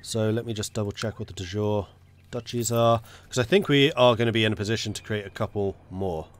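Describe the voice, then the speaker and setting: This gaming streamer speaks fairly quickly in a low-leaning voice, nasal and congested from a cold. He keeps up a chatty stream for viewers, thinking aloud and muttering to himself as he plans in a strategy game.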